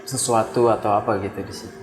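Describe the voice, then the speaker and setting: A man hosts a loose chat and keeps prompting his guest, often with a laugh. His voice rings in a roomy space with a long reverb tail, over loud background music. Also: lowish voice, fairly even intonation, fast. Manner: chatty, prompting, laughs easily. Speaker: podcast host. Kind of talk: casual chat.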